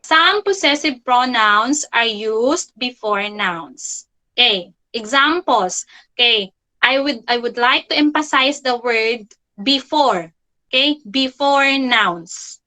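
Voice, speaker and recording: A woman's voice: fairly high pitch, slow pace, sharp tone, low-quality recording. A woman teaching an online grammar lesson for children, repeating key phrases and checking in with "okay?" after nearly every point.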